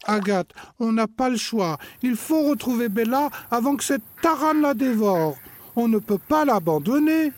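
Man voicing an anxious boy, high and earnest, children's story. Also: big pitch swings, measured pace, a little mellow, slight background noise. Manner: raised, earnest.

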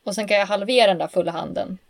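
A woman co-hosting a podcast in casual chat, easygoing and quick to make fun of herself. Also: medium pitch, gravelly, no echo. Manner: self-deprecating, easygoing. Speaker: podcast co-host.

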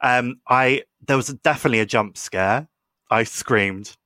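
A man's voice: medium pitch, moderate pace, sharp tone, dry recording. A young man, co-hosting a podcast and gushing in casual, filler-heavy chat. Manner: gushing, chatty, lots of fillers. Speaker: podcast co-host.

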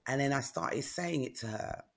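A woman's voice: very deep voice, lively intonation, moderate pace. A middle-aged woman, candidly telling a personal story in conversation and often asking "do you know what I mean?". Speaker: guest, author.

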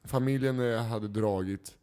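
A man in casual chat, telling a story and acting out the people in it with changing voices. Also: lowish voice. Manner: animated anecdote teller, acts out quoted people.

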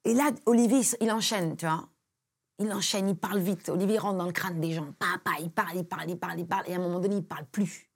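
A Belgian comedian, guesting on a podcast, tells an anecdote as a lively storyteller, acting out the people she quotes and laughing often. She talks fast in a lowish voice with a breathy edge.

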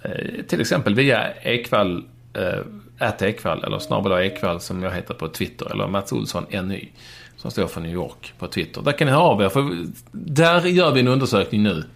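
A man's voice: lowish voice, lively intonation, creaky. A man co-hosting a casual podcast, bantering and arguing his points emphatically in a mock-serious way. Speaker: podcast co-host.

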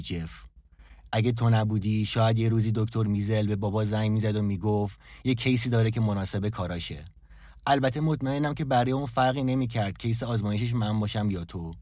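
A man voicing a brooding man, grieving his lost love, in a low, somber confessional monologue for an audio drama. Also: mellow, no echo, clean studio sound, lightly acted.

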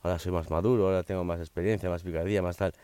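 Low-voiced man telling his life story. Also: fairly even intonation, very fast, warm tone, smooth, dry recording. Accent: slightly off Spanish, American-influenced. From Spain, raised in Miami. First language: English. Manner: frank, conversational, with emphatic repetitions. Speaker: podcast host. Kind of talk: personal storytelling monologue.

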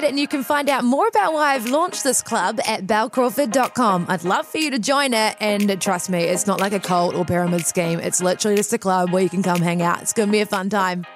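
A young woman hosting a podcast interview, bubbly and encouraging in a casual way. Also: fairly high pitch. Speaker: podcast host.

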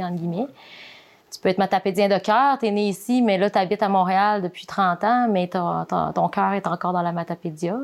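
A woman with a Quebec French accent speaks in a low, gravelly voice with a lot of vocal fry. She explains her view patiently, with hesitant fillers between her thoughts. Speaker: guest. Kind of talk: interview testimony.

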